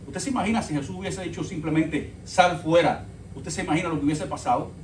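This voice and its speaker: A man's voice: high-pitched, a little hiss or hum. A man preaching a sermon as pastor, telling the story dramatically and calling the congregation brothers. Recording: echoey church from far off.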